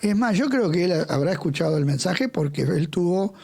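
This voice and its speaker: A man's voice: sits high, animated, a little fast, creaky, a little mellow, slightly rough. A man co-hosting a church Bible study conversation, reflective and explaining ideas step by step.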